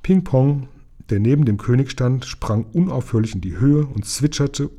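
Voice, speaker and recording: A man reads a children's story aloud in a calm, even way. His voice is dark and mellow, with a husky grain. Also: medium pitch, normal speed. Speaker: reader. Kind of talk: reading a children's book aloud.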